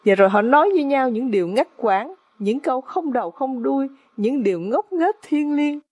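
A woman's voice: high voice, lively intonation, normal speed, a little mellow, no echo, studio quality. A woman narrating an audiobook in a dramatic, suspenseful storytelling manner.

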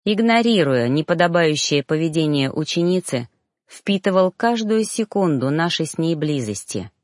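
A woman reading a fantasy novel aloud in a steady, expressive first-person narration. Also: deep voice, moderate pace, dry recording, studio quality. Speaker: audiobook reader.

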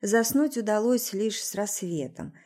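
A woman narrating a first-person audiobook in a subdued, quietly bitter way. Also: mid-range voice, animated, a little slow.

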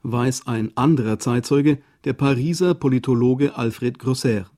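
Mellow-voiced male documentary narrator. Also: mid-range voice, unhurried. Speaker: radio narrator.

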